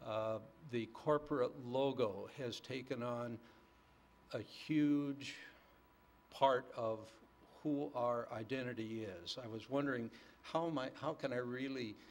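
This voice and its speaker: A mature American man presenting to a public board as a company manager, genial and measured, often pausing mid-sentence. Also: mid-range voice. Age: middle-aged or older. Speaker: corporate development manager, petitioner.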